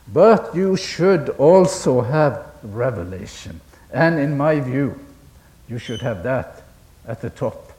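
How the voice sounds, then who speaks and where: Man giving a deliberate academic lecture. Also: mid-range voice, darkish tone. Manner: deliberate, asks the audience questions, chuckles at own asides.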